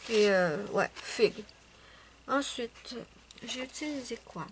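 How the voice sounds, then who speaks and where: A woman with a Québécois French accent talks casually at home, with a fairly high voice. She rambles and often pauses or corrects herself. There is a faint hum under her voice. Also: animated. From Quebec, Canada. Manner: rambling, chatty, many hesitations and self-corrections. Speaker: adult coloring YouTuber. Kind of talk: casual chat showing finished coloring pages.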